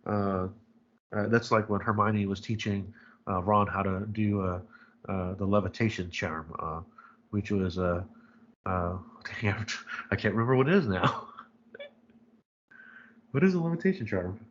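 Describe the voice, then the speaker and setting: Male chemistry instructor, relaxed live-class delivery, full of "uh" and "right?", muffled mic. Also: lowish voice, unhurried, pauses often, slight background noise. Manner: casual, rambling, many fillers and "right?" checks. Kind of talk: live online lecture.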